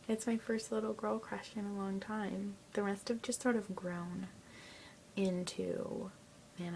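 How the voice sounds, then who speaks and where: A teenage girl chatting casually to a friend on camera, giggly and often dropping to a soft near-whisper. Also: on the low side, vocal fry, slight background noise. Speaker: video blogger.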